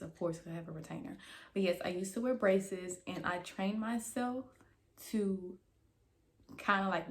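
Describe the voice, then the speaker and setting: A young adult woman, a YouTube host and esthetician student, rambles emphatically in a casual, chatty vlog. Her medium-pitched, slightly bright voice is a little impeded by a dental retainer.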